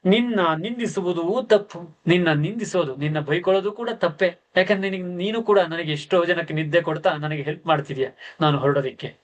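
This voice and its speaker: A man giving a literature lecture, reciting verse lines slowly and then explaining each one in plain everyday speech. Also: fairly high pitch.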